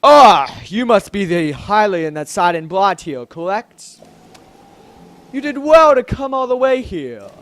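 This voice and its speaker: A man voicing a stately, kindly king of a fish folk, reading slowly and formally. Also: high-pitched, sing-song, a bit bright, full character voice. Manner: slow, formal, deliberate delivery.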